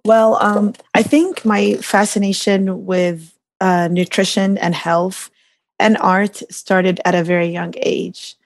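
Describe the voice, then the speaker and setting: A woman in her late thirties, from Iraq, speaking as a podcast guest, reflective and unhurried, with fillers. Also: mid-range voice, flat delivery, dry recording. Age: 30s. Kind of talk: casual interview talk.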